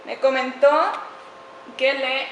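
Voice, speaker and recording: Bright-voiced woman explaining grammar, echoey room. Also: high voice, fairly even intonation. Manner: careful, slows down to spell out example sentences. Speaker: student presenter. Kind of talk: explanatory class presentation. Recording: echoey room with faint background noise.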